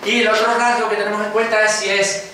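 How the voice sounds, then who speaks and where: A man's voice: high voice, little pitch movement, fast, pushed and bright. A man with an Andalusian Spanish accent teaching phonology in a classroom, explaining and often asking the students whether they follow. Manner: explanatory, checks understanding with frequent questions. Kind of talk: classroom lecture. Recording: echoey classroom with faint noise.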